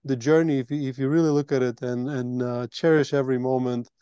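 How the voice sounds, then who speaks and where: Smooth, dark-toned man, flat delivery. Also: medium pitch, brisk, dry recording. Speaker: retreat host. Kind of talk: conversational interview.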